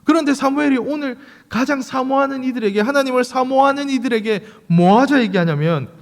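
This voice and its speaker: A man's voice: very high voice, brisk. A man, preaching a sermon as pastor, with rhetorical questions and light humor. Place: church sanctuary. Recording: long reverb of a church sanctuary.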